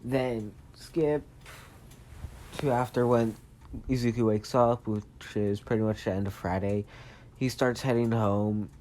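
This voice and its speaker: A man's voice: medium pitch, fairly even intonation, measured pace, a little mellow. A man casually retelling a fan story, rambling with many fillers and self-corrections.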